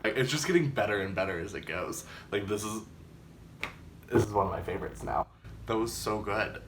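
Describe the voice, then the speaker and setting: A man with a campy, expressive drag queen delivery, chatting casually and effusively as the host of a music reaction video. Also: fairly low pitch, a little fast, background noise. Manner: effusive, gushing. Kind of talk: casual excited album reaction chat.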